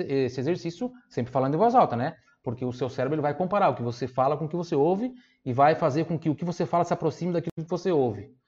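A man with a southern Brazilian accent from Santa Catarina, teaching an online Italian lesson in a chatty way, often adding tag questions and drilling words slowly for repetition. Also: on the high side, darkish tone, muffled recording.

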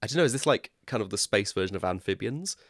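Deep-voiced West Country man. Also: lively intonation, quick pace, a bit bright, no echo, studio quality. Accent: West Country English. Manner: rambling, chatty explainer who laughs at himself. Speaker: podcast co-host. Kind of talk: casual chat.

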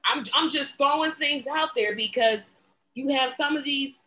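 Woman host, bright and a bit high, animated, sarcastic, restarts lines. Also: measured pace, low-quality recording. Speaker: podcast host. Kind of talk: casual political chat.

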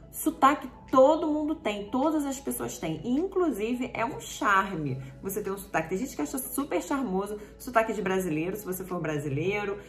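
A woman's voice: medium pitch, a bit bright. A Brazilian woman teaching language-learning tips on her channel in a chatty, encouraging way, often checking in with the listener.

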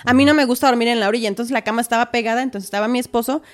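Speaking rapid-fire in a fairly high voice, a woman on a podcast recounts a personal story in casual conversation. She stays animated throughout, performing what others said as quoted dialogue.

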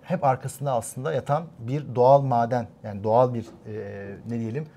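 A man's voice: medium pitch, steady tone, moderate pace, creaky, mellow. A young man co-hosting a casual live stream, chatting and reading out viewer poll results. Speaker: co-host.

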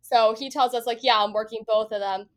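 A woman co-hosting a podcast, casually recapping a reality show episode with swearing and lively quoted voices. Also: a little high, a little fast. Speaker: podcast co-host.

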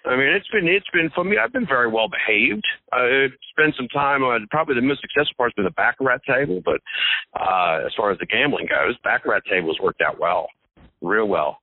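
A man's voice: medium pitch, animated, fairly quick, no room sound. A man calling in to a casual podcast chat as a regular co-host, talking in a rambling, joking way and stammering now and then. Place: Las Vegas hotel. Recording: tinny phone line, dry.

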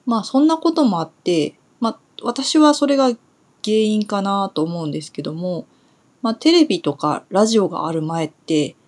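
A young woman from Kumamoto in Japan, talking through a relaxed solo Japanese lesson in a chatty way, pausing on soft fillers as she thinks aloud. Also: medium pitch. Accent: standard Japanese. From Kumamoto, Kyushu, Japan. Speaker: Japanese teacher.

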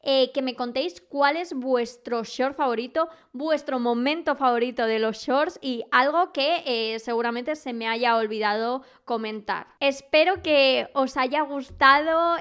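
A young woman with a Spanish accent chatting as a podcast host, animated and gossipy, acting out quotes as she goes. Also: sits high, measured pace, hardly any pauses, smooth. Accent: Spain Spanish. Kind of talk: casual chat.

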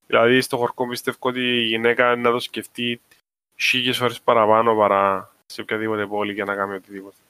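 A man's voice: mid-range voice, completely flat delivery, bright, forceful tone, clear, resonant tone, dry recording. A man with a Cypriot Greek accent talking casually, explaining his points with examples in an informal discussion. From Cyprus. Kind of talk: casual discussion of social issues.

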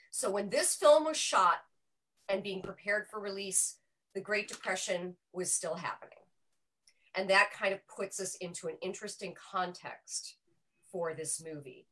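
A woman's voice: medium pitch, bright, forceful tone, rough recording. A woman on a film discussion panel, chatting casually and explaining history with frequent self-corrections. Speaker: panel member presenting a film pick. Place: small room with a group around one mic.

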